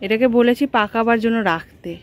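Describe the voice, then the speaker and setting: A woman's voice: a little high, a little fast. A middle-aged woman chatting casually and directly to her viewers as a family vlogger. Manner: conversational, addresses viewers directly. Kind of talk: casual home vlog chat.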